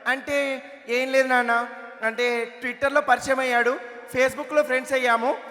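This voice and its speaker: A man's voice: extremely high pitch, little pitch movement, unhurried, sharp tone, voice pushed up, heavily acted. A man putting on the voice of a coy teenage girl, drawing out her words in a reverberant hall.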